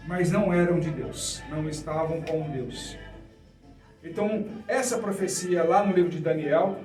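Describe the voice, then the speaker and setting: Male Brazilian preacher, high voice, didactic sermon, faint music under it. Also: darkish tone. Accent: Brazilian Portuguese. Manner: didactic, asks and answers own questions. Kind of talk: sermon teaching. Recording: echoey room, mic at a distance.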